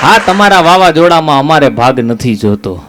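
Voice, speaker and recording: High-voiced male stand-up comic. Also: sing-song, moderate pace, fairly bright tone, some chatter behind. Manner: storytelling jokes with quoted dialogue. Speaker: stand-up comedian. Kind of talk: live Gujarati stand-up jokes. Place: live stage show.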